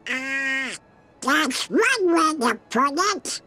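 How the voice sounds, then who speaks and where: An actor voicing an excitable, grumpy male cartoon duck in a squawky, garbled quack for a video game. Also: sits high, very slow, full character voice. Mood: hesitant. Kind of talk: animated video game acting.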